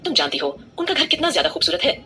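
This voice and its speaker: A woman voicing a quick-witted young woman on a secret mission, talking fast with put-on annoyance in an audio drama. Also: on the low side, big pitch swings, sharp tone, slight background noise. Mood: mock-angry. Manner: mock-annoyed, rapid talk.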